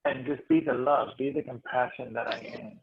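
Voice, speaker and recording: Gravelly animated man on a tinny line. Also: mid-range voice, moderate pace. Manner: animated, repeats and restarts phrases. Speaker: spiritual healer leading a group meditation. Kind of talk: heartfelt storytelling talk to a group. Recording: tinny phone-like audio.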